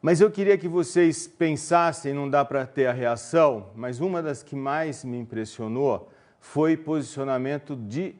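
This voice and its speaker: A man's voice: fairly high pitch, darkish tone. A man with a Brazilian Portuguese accent presenting a live online marketing class, chatty and joking with his audience, with many fillers. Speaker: webinar presenter.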